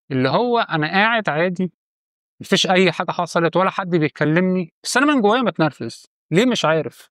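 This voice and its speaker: Man, Egyptian Arabic accent, high voice, direct coaching talk. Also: fairly bright tone, no echo, studio quality. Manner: direct, coaching, addresses viewer as you. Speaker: channel host giving quit-smoking advice. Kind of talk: casual advice monologue.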